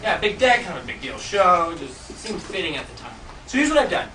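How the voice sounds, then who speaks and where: A man's voice: sits high, big pitch swings, a little fast. A man working as a stage magician, delivering jokey theatrical patter to a live audience in a fairly large room. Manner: jokey, chuckles at own jokes. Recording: echoey room from far off, loud noise.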